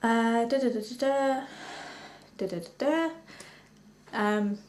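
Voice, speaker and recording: A woman's voice: a little high, takes it slowly, darkish tone. London girl rambling thru beauty Q&A, lots of ums, casual chatty. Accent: London English. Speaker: beauty vlogger and makeup artist. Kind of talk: casual Q&A vlog.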